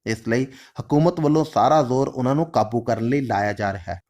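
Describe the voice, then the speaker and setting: A man's voice: mid-range voice, a little mellow, natural voice. A man reading as a stern formal official. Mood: coaxing. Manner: formal, measured, Urdu-flavored phrasing. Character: stern formal male official, measured and lawful.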